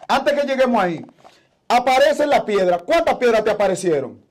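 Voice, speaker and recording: A man's voice: very high voice, sing-song, normal speed. A man interviewing, prompting his guest with curious questions.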